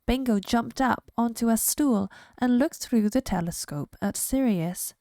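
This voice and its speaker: A woman reading a children's picture book aloud in a slow, clear storytelling manner. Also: on the high side, warm tone, dry recording. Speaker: reader.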